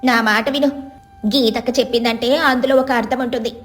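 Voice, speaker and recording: A woman's voice: fairly high pitch, fairly even intonation, fairly quick, soft background music, close to an everyday voice. A woman voicing a bossy, sly village neighbor woman giving scheming advice.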